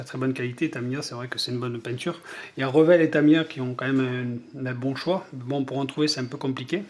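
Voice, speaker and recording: A man with a southern French accent talks casually as he works on a scale model, wandering through his thoughts with frequent fillers and restarts. His voice sits a little high for a man. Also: a little mellow. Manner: rambling, many fillers and restarts. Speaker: scale-model hobby vlogger. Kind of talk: casual chat while building a model.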